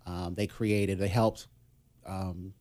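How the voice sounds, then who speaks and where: Low-voiced man from Massachusetts. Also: slow pace. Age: middle-aged. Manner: relaxed, conversational, many fillers. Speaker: guest, business consultant. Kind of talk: casual radio interview.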